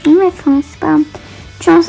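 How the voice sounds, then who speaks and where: A woman's voice: very high-pitched, fairly even intonation, moderate pace, creaky, dark tone, soft background music. A woman chatting casually while playing a mobile game, reading its text aloud with frequent hesitations and restarts. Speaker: gaming video creator. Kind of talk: casual let's-play commentary.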